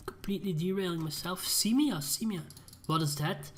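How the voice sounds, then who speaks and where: A man's voice: high-pitched, normal speed, slightly rough. A young man giving casual gameplay commentary, rambling into ranting asides. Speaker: gaming channel host.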